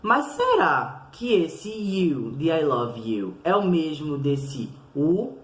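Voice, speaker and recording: A man, a primary school teacher giving a recorded lesson to children, patiently repeating each sound slowly and clearly. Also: a little high, sing-song, roomy sound.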